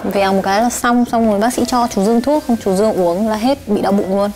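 A woman's voice: mid-range voice, quick pace, low-quality recording. A woman talking patiently with a young child, coaxing and reassuring. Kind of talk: gentle talk with a young child. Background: background music.

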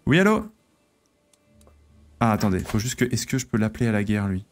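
A man streaming a strategy-game role-play, talking through his moves in an excitable, exclamatory way. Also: on the low side, rapid-fire, soft background music. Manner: excitable, exclamatory, thinks aloud.

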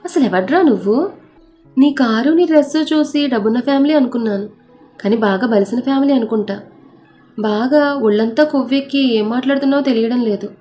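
A proud, devout young woman in a storybook tale, pleading one moment and defiant the next, as a woman narrator voices her. Her voice is fairly high with a dark, mellow tone. Soft music plays underneath. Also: fairly quick, lightly acted. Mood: furious. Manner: pleading and defiant, prays aloud.

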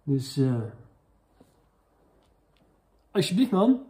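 A man's voice: high-pitched, big pitch swings, moderate pace, warm tone. A man hosting a comedic question-and-answer talk, casual and rambling with many fillers, in a mock-spiritual tone. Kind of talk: casual deadpan parody monologue.

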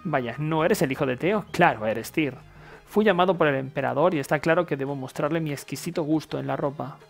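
A fussy, self-satisfied aristocrat from a video game, read out by a man, vain about his taste in clothes. The voice has a Castilian Spanish accent and is slightly high and creaky. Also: brisk, soft background music. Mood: fussy, pleased.

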